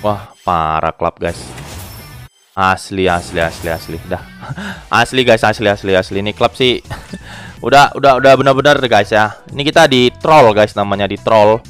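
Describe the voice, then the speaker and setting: A man giving casual, excitable commentary on game gacha pulls, groaning, pleading and talking to his viewers. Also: fairly low pitch, normal speed, faint music behind. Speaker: gaming YouTuber.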